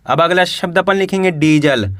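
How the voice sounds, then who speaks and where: A man's voice: high voice, a bit bright, no echo, clean studio sound. Man spelling out words syllable by syllable. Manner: slow syllable-by-syllable spelling, repeated prompts. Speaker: Hindi reading teacher. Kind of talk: step-by-step phonics lesson.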